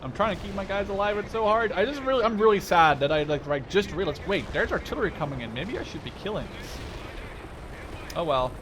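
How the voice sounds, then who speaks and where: This gaming video maker, a man in his twenties, talks high and expressively at a brisk pace, with music in the background. His commentary is casual and rambling, full of self-interruptions and mild swearing. Game battle sounds of artillery, gunfire and vehicles run behind his voice.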